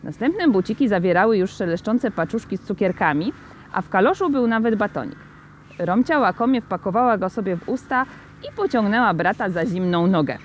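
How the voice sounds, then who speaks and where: A woman reading a children's novel aloud with lively, expressive storytelling. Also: medium pitch, brisk, a little hiss or hum. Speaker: reader.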